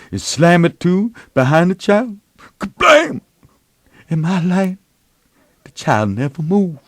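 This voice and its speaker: A man's voice: medium pitch, breathy edge, dry recording, clean studio sound, voice pushed up. A man voicing a sorrowful, remorseful father. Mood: anguished. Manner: drawling folksy dialect, heavy with sorrow. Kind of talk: dramatic reading of a novel.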